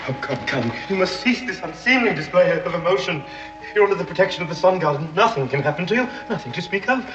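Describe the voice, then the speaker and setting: A fanatical English zealot. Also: male voice, sits high, expressive, quick pace, music in the background. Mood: haughty. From England. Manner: grandiloquent, dramatic storytelling, formal diction. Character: zealous English gentleman, sun god cultist, theatrical. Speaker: fanatical Englishman guarding Aztec gold. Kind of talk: 1960s TV western drama. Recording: echoey, dull 1960s TV soundtrack.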